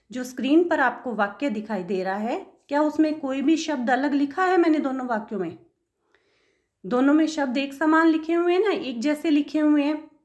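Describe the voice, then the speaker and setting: A woman teacher giving an online grammar lesson to young children, patient and asking the class questions as she goes. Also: sits high.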